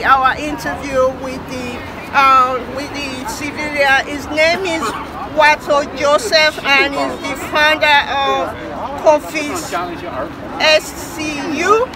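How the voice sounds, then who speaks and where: A middle-aged woman hosts an unscripted news segment, her voice pitched high. She talks haltingly, filling gaps with "uh." Park crowds and passing cars are clearly heard around her. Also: fairly even intonation. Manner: hesitant, many fillers. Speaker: news host and interviewer. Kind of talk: unscripted news wrap and interview. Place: outdoors in a busy city park. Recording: outdoor park with crowd and traffic noise.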